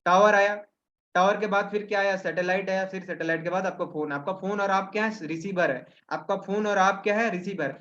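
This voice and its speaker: A man with a high voice gives a webinar lesson. He keeps posing questions and answering them himself, tagging on check-in questions. The audio comes through a dull, lo-fi video call. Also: fairly even intonation, fairly quick, fairly bright tone. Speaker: webinar trainer. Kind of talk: explanatory teaching talk.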